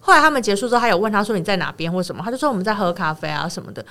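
Fast-talking Taiwanese woman retelling gossip. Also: mid-range voice, animated, a bit bright. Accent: Taiwanese Mandarin. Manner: rambling retelling of a friend's story, many fillers. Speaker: podcast co-host. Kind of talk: casual chat, storytelling.

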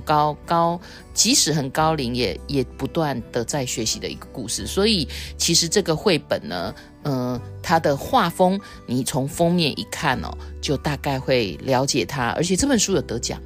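A woman hosting a podcast, presenting a picture book and retelling its story in an expressive, animated way. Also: low voice. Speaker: podcast host.

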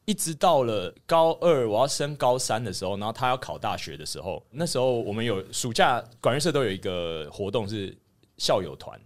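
A young man speaks Mandarin with a Taiwanese accent. His voice sits a little low, and his words tumble out fast. He tells a long story in sheepish, rambling casual chat, full of restarts. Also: expressive. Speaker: podcast co-host.

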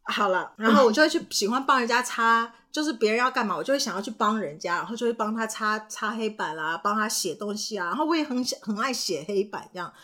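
A young woman telling stories on a casual podcast, her voice set a little high and swooping widely as she acts out little scenes from her childhood. She laughs often and keeps her voice chatty and expressive. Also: fast talker, hardly any pauses. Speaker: podcast co-host. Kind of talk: casual chat, storytelling.

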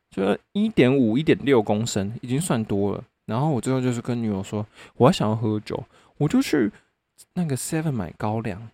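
A man's voice: mid-range voice, creaky, darkish tone. A young man with a Taiwanese Mandarin accent, telling casual stories on his podcast. He swears often and laughs in the middle of sentences. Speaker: podcast host. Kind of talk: casual solo storytelling.

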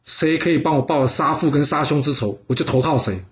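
A man's voice: fairly high pitch, a little fast, close to an everyday voice. A man voicing a shrewd young warrior. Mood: urgent.

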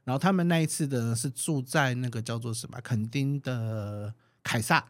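A man with a Taiwanese Mandarin accent, a podcast guest telling a story quickly and reacting with gasps. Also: mid-range voice, dry recording. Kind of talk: casual chat, storytelling.

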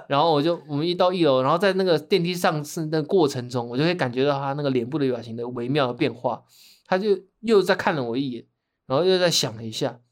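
A man with a Taiwanese accent, co-hosting a casual chat and telling anecdotes in an animated way. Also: on the high side, fast. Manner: chuckles while telling stories. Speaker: podcast co-host.

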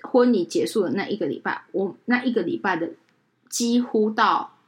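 A woman's voice: mid-range voice, moderate pace. A young woman, a podcast co-host and wedding emcee, telling a story in casual chat and acting out the people she quotes. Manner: animated, acts out quoted people.

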